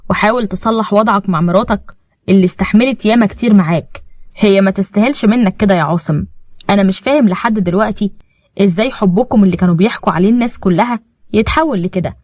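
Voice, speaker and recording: A woman's voice: mid-range voice, quick pace, a little mellow, dry recording, studio quality, natural voice. Name: Osama. Firm, advising brother read by a woman. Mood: admonishing. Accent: Egyptian. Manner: firm, admonishing. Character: steady older brother giving firm advice.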